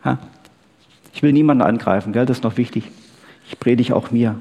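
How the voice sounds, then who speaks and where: A man's voice: mid-range voice, fairly quick, dark tone, highs cut off. A man preaching a chatty sermon, often checking in with the crowd with "gell?" and "ha?". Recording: long hall reverb.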